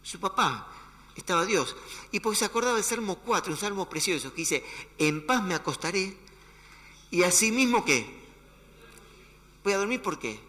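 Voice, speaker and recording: An Argentine man with a Rioplatense accent preaching a sermon in a long-reverb church hall. His voice is bright and forceful, pitched a little high, and he slips into quoted dialogue with hushed, dramatic asides. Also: lively intonation, moderate pace, pauses often. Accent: Rioplatense Spanish. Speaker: pastor.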